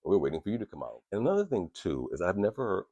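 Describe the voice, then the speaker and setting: A podcast host with an extremely low, deep, husky and grainy voice talks candidly and swears freely, rambling and restarting often. He is very animated and very fast, with a slightly mellow tone. The sound is close and dry with no room around it, and the highs are cut off.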